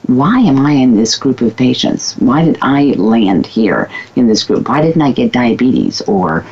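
Her voice rumbles low, a little slow and slightly rough, with big swings in pitch. She's a guest, formerly a physical therapist, speaking candidly and emphatically in casual conversation as a self-described loudmouth, on a dull lo-fi recording.

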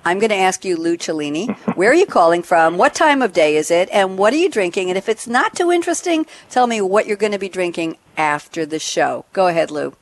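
A woman's voice: medium pitch, lively intonation, brisk, hardly any pauses, no echo. A woman hosting a live radio panel show, chatty and joking with her guests.

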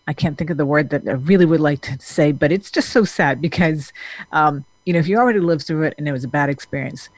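A therapist who grew up in Denmark talks straight to the camera in an earnest, meandering way. The speaker often restarts sentences and reaches for words. The sound is dry and close, with no room echo. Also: mid-range voice. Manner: earnest, rambling, with frequent restarts and fillers. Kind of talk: casual talking-head monologue.

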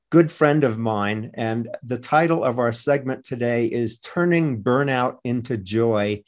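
A man's voice: medium pitch, a little mellow. Male radio host with mid-range voice. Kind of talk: hosting talk, introducing a guest.

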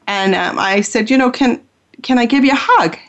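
A woman's voice: on the high side, moderate pace, fairly bright tone, highs cut off. A woman who hosts a spiritual healing radio show, telling a personal story in an earnest, heartfelt way.

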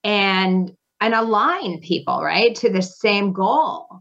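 Slow-talking woman guest on a dull line. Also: mid-range voice, lively intonation, vocal fry, a bit bright. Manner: thoughtful, asks herself questions aloud. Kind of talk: radio interview chat.

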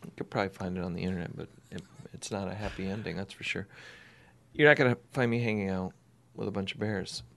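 Low-voiced man hosting a radio show. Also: fast talker, vocal fry. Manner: rambling, laughing, reads articles aloud. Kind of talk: casual radio chat.

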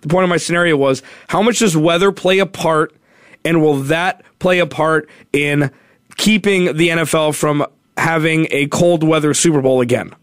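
A man's voice: on the high side, moderate pace, dry recording. Male sports radio host in studio; casual, rambling delivery; close, dry mic. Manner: rambling, restarts and thinks aloud.

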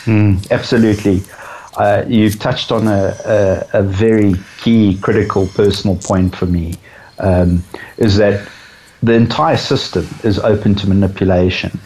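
Deep-voiced man, dry and reflective. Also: steady tone, unhurried, darkish tone, husky, rough recording. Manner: dry, reflective, self-aware sarcasm. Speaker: conservation guest. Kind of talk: podcast interview.

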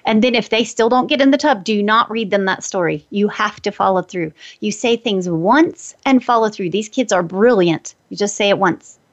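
A woman's voice: moderate pace, few pauses, dull audio. A woman working as an energy healer who gives casual, upbeat parenting advice and sometimes shifts into a sing-song voice. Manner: upbeat, shifts into a high sing-song voice when quoting what she says to kids.

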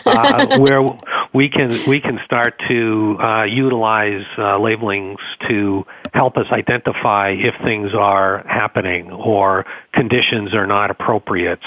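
A man's voice: lowish voice, dry recording, highs cut off. A man with a Boston accent giving businesslike, technical explanations as an interview guest. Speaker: company representative, interview guest.

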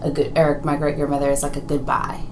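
A woman's voice: deep voice, little pitch movement, noisy background. A woman in her early twenties from Houston, chatting as an interview guest in an upbeat, talkative way. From Houston, Texas. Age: early 20s. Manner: upbeat and chatty, with fillers and quick laughs. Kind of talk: casual interview chat.

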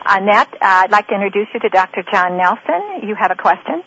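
A woman's voice: medium pitch, very animated, fairly quick, a bit bright, breathy edge. A woman hosting a radio call-in show, talking hesitantly and repeating herself. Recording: muffled lo-fi radio line.

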